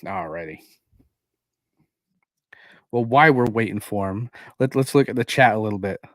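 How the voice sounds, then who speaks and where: A man's voice: fairly low pitch, moderate pace, dry recording. A man co-hosting a casual streamed podcast chat, often repeating words as he starts a sentence. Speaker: podcast co-host.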